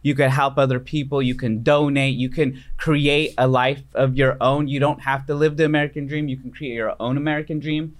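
A man's voice: mid-range voice, flat delivery, fairly quick, few pauses. A man co-hosting a podcast, effusive and gushing with praise. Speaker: podcast co-host. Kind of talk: casual interview chat.

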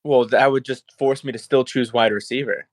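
A man's voice: mid-range voice, fairly even intonation, fairly quick, no echo. Guy cohosting a podcast, jokey, laughs a lot, dry close mic. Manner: playful, laughs often. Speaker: podcast co-host. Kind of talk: casual chat.

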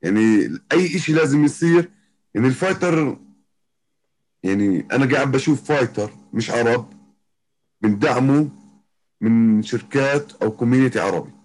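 A man's voice: medium pitch, animated, normal speed, long pauses, darkish tone, low-quality recording. A man from Jordan with a Palestinian-Jordanian Arabic accent, chatting casually as an interview guest and often circling back over his phrases. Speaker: interview guest, professional MMA fighter. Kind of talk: casual chat.

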